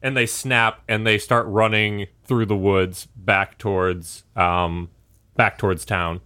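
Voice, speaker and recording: A man narrating a tabletop game as game master, relaxed and hesitant with many fillers. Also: on the low side, slow, clear, resonant tone.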